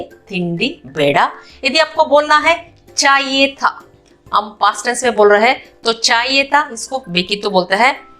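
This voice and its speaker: High, bright Indian woman teaching slowly. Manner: repeats each phrase patiently, drills word pairs. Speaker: language teacher. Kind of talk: slow, repetitive spoken lesson.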